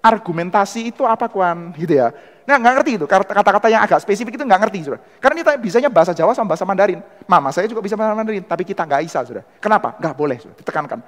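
Man, Surabaya accent, theology lecturer, quick and animated, slightly high voice, reverberant hall. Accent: Surabaya Indonesian. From Indonesia. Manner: animated, often addresses listeners as "Saudara". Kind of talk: church history lecture.

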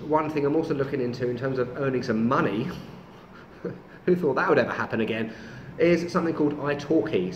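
A man's voice: mid-range voice, darkish tone, slight background noise. Chatty man with a London accent. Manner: chatty and rambling, wry asides. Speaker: travel vlogger. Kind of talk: casual talk to camera. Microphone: camera mic. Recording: roomy, slightly dull camera audio.

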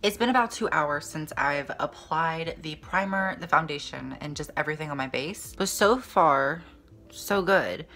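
Sharp-toned and moderately paced at medium pitch, a beauty vlogger in their twenties gives a casual makeup review to camera with sassy, slangy drag queen energy. The setting is a small indoor room arranged for filming, with background music.

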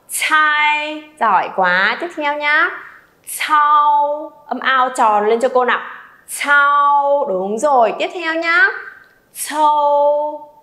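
A woman teaching Chinese pronunciation, modelling each sound and encouraging learners to repeat after her. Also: high voice. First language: Vietnamese. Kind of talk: pronunciation drill lesson.

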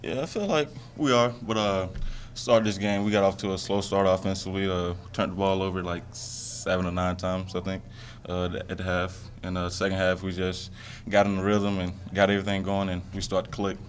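Deep-voiced young player, hesitant. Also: male voice, flat delivery, fairly quick, slight background noise. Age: young adult. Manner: brief, hesitant, many uhs. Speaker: college basketball player. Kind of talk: postgame press conference answers. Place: press room at a podium. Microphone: podium mic.

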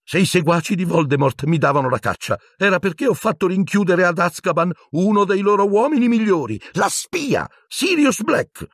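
A man voicing a cowering, rat-like wizard with a shrill, squeaky voice who pleads and stammers breathlessly. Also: big pitch swings, normal speed, few pauses, no echo, clean studio sound, heavily acted. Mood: shrill panic.

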